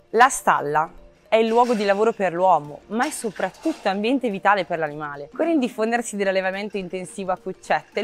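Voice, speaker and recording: A young woman in her twenties, a marketing manager, giving a clear, measured scripted explainer to camera outdoors by a cow barn on a lapel mic. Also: mid-range voice. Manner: clear, measured, informative delivery. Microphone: lapel mic, medium framing.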